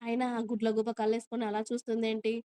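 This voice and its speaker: A woman's voice: on the high side, completely flat delivery, fast, dark tone, clean tone, natural voice. A woman voicing an arrogant, careless young husband who talks brusquely and teases, reading him in a storybook telling. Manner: brusque and teasing.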